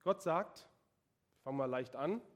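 A man's voice: medium pitch, animated, unhurried. A man preaching a sermon, emphatic and asking the congregation direct questions.

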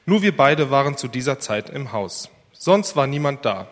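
A man reading the part of a distressed young mother pleading her case before a king, voicing her urgently and loudly. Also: medium pitch, very animated, normal speed, close to an everyday voice. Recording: reverberant hall.

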